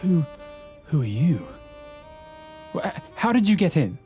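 A man's voice: fairly high pitch, very animated, a little slow, warm tone, faint music behind. A polite, easily flustered young detective's assistant, played by a man in a comedy audio drama. He sounds exasperated and slightly fussy, and he narrates parts of the story too. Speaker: narrator and character.

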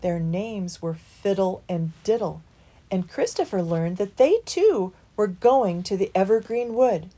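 A woman reading a bedtime story aloud to children, hushed and sometimes dropping to a whisper. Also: medium pitch, animated, a little slow.

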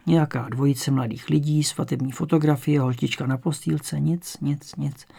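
A man calmly narrating a crime novel as an audiobook reader. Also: on the high side, vocal fry, slightly rough. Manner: calm, measured storytelling.

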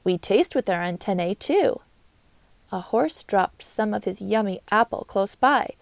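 Proud worker ant, voiced by a woman, loud and brisk, a bit gravelly. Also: medium pitch, animated, dry recording. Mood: chatty. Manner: brisk and loud, matter-of-fact. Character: strong, proud female worker ant, busy and friendly.

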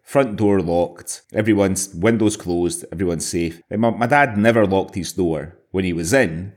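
Low-voiced man chatting casually. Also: normal speed, darkish tone. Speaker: podcast co-host. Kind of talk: casual chat, personal anecdote.

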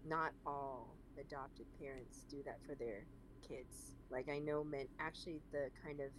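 A young adult speaker with an American accent, chatting freely as an interview guest and filling pauses with "um" and "like". The voice sits at a middle pitch, and the recording carries a clear layer of background noise. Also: fairly even intonation. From born in China, raised in San Francisco. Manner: chatty, many fillers like "um" and "like". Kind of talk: casual interview conversation. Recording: noisy recording.

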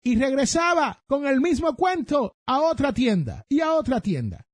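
A Puerto Rican man hosting a personal finance podcast, telling stories in an animated way and speaking straight to his listeners. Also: extremely high pitch, normal speed, dry recording. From Puerto Rico. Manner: animated storytelling, addresses listeners directly. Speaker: podcast host.

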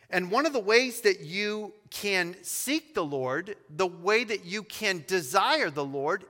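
A man pastor preaching an expository sermon, reading scripture slowly and with emphasis. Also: sits high, bright, forceful tone, big-room sound. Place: church sanctuary.

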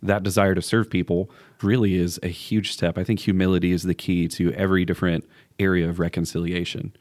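A man with a low voice explains ideas calmly and introduces new topics. He speaks in a clear, steady way during a reflective faith discussion. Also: a little fast. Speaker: podcast co-host, school staff.

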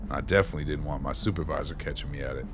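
This bass-voiced man keeps a steady tone but races along over soft background music. The role is a wry, streetwise ex-maintenance man in a radio play, reminiscing and telling folksy, colloquial stories.

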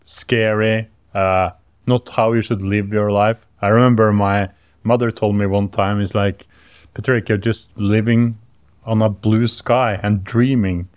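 A Norwegian man co-hosting a podcast, speaking English hesitantly with many pauses and fillers. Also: fairly low pitch, steady tone, clear, resonant tone, dry recording, clean studio sound. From Norway. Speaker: podcast co-host. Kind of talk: casual podcast chat.

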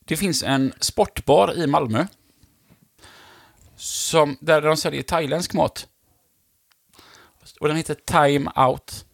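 A man's voice: on the high side, creaky, long pauses, no room sound. A man from Sweden hosting a casual radio chat, telling jokes and stories and laughing at his own punchlines. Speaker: radio host.

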